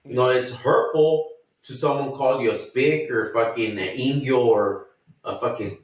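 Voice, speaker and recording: A man's voice: medium pitch, measured pace, distant mic. Thirties man from the US, casual profane storyteller, roomy off-mic sound. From United States. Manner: profane, rambling, animated retelling with acted quotes. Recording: echoey room, off-mic.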